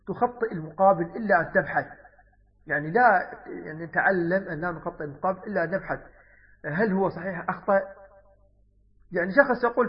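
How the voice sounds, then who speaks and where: High-voiced man teaching, lo-fi. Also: big-room sound. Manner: explanatory, repeats key words, mixes dialect with formal Arabic. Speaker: Islamic teacher. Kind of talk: religious lesson explaining hadith. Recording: dull lo-fi recording.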